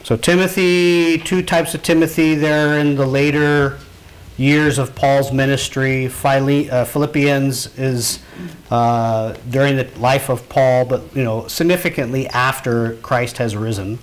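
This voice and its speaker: This man teaches an informal Bible lesson in a conversational style, asking his class questions and calling on students to read. His voice sits in the mid-range, with fairly even intonation and a measured pace.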